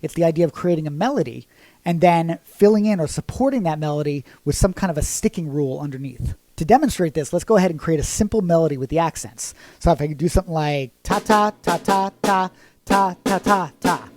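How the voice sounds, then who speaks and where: A man's voice: a little high, fast. A man teaching drums in a casual lesson, explaining concepts and singing rhythms as syllables. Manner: sings accent rhythms as "ta"; relaxed, conversational explaining. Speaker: drum teacher.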